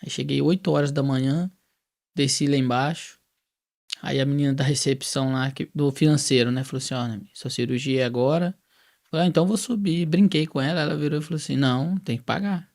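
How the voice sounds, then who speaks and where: A man's voice: fairly high pitch, brisk, gravelly. A man from Brazil telling his personal testimony in a casual, storytelling way, acting out the dialogue he quotes. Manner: lively storyteller who acts out quoted dialogue.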